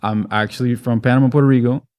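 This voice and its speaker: A man's voice: mid-range voice, steady tone, fast, darkish tone. A man raised in Miami, a muralist guest talking casually and enthusiastically in an interview, rambling with fillers.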